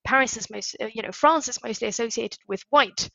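A woman from Spain chats as a guest in a casual interview, telling stories full of fillers and acted-out quotes. Her voice is fairly high, brisk, creaky, bright and forceful. The audio is dull but has no echo.

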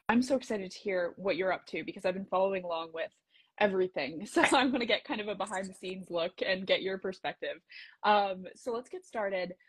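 A woman's voice: medium pitch, slightly rough, dry recording, poor audio. A woman hosting a casual interview, upbeat and encouraging as she asks questions. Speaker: podcast host.

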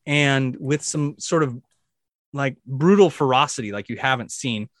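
A man narrating a tabletop game as dungeon master, telling the action vividly and excitedly, with sound effects. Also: mid-range voice, measured pace, no room sound, clean studio sound.

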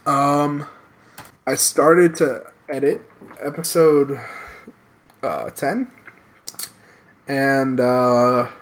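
A man's voice: medium pitch, level tone, drawn-out words, long pauses. A tired man chatting casually and informally with his podcast co-host over an online voice call. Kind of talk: casual private banter. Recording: noisy voice chat with clicks.

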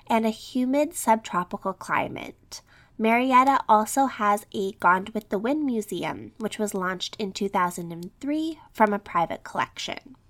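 This woman hosts a true crime podcast, her mid-range voice a bit bright yet slightly scratchy from an illness she's recovering from. She reads scripted narration that features quotes and statistics.

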